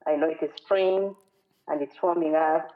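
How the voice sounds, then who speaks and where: A woman's voice: low voice, fairly even intonation, moderate pace. Kenyan woman preaching over a thin line. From western Kenya. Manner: earnest, reflective, quotes scripture and song lyrics. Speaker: guest speaker at church. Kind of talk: sermon. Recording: phone-like narrow sound.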